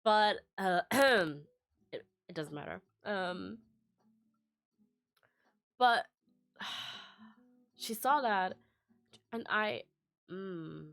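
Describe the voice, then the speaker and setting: A woman's voice: mid-range voice, lively intonation, extremely slow, creaky, long pauses, fairly bright tone, soft background music. A young woman chatting casually as a vlogger, telling a personal story in a meandering way with many fillers, restarts and laughs. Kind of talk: casual rambling chat.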